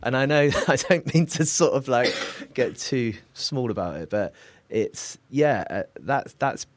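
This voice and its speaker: A man's voice: medium pitch, expressive, unhurried. A man talking in a casual conversation, rambling and hesitant with many fillers and frequent laughs. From Cornwall, England. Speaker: artist guest.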